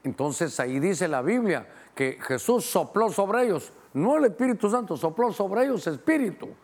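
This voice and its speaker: Middle-aged Guatemalan-born pastor, man, higher-pitched, teaching sermon, measured scripture reading, quick asides to the tech crew. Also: very animated, darkish tone. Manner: teaching, directing helpers to show verses on screen; slows down to read scripture, speeds up in asides.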